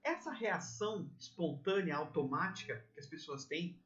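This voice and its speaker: A man with a Brazilian Portuguese accent giving an informal exam-prep lecture, chatty and animated, tagging his sentences with little checks like "right?". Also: a little high, moderate pace. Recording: muffled, lo-fi recording.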